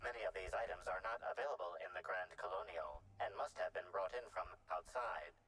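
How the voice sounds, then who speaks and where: A precise analytical device from a video game, speaking in a very low register. It reports each clue formally, with clinical, matter-of-fact detachment. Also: male voice, brisk, a bit bright, breathy edge, no room sound, rough recording.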